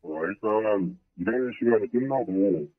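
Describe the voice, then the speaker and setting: A phone-in interviewee whose voice is pitched down to hide their identity, speaking in hesitant, broken phrases with many fillers. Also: moderate pace, husky. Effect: voice disguised, pitched down. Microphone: telephone. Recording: muffled phone line.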